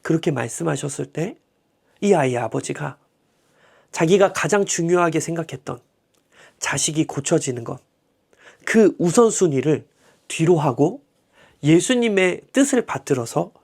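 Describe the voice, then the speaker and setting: A man's voice: a little high, lively intonation, moderate pace, gravelly, pauses often, a little mellow, slightly rough. A male pastor teaching a Bible class in a chatty, humorous way, often checking in with tag questions.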